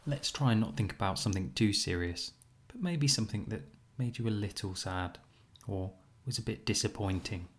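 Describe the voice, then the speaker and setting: Gentle and soothing, a male meditation teacher guides a compassion practice in an expressive voice on the low side. He speaks unhurriedly, pausing often.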